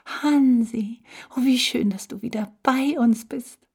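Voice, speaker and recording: A woman voicing a caring mother rabbit in a storybook, speaking softly and half-whispered. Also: a little high, takes it slowly, slightly rough, pitched above the performer's own voice, exaggerated voice. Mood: relieved.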